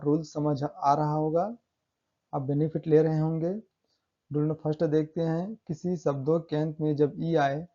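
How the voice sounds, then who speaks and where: A man teaching English pronunciation rules in a classroom style. He repeats example words slowly and stresses them hard. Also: a little high, mellow, lo-fi sound.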